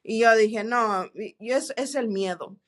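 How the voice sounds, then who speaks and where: A woman telling her faith testimony in an interview, earnest and halting, with many restarts and English words mixed in. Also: on the high side, fairly bright tone. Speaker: interview guest. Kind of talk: testimony in a church podcast interview.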